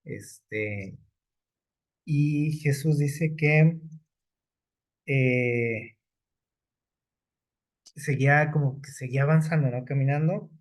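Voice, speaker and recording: Male preacher, mid-pitched, unhurried sermon delivery with frequent fillers. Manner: unhurried, many fillers and checking questions.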